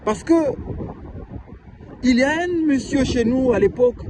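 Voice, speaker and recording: A man's voice: sits high, noisy background. A man from Brazzaville with a Congolese French accent, an author giving a passionate personal testimony full of rhetorical questions. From Republic of the Congo (Brazzaville).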